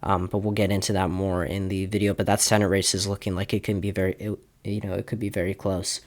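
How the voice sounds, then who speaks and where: A man's voice: sits low, level tone, quick pace, slight background noise. A young man giving casual election prediction commentary, talking loosely with many fillers and restarts. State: slightly out of breath. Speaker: political commentator.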